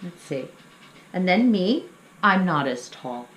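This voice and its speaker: With a lowish, very animated voice, this middle-aged woman talks slowly as she guides little kids through a craft activity at story time. Her explanations are plain and encouraging. The space is echoey and has a faint hum of background noise.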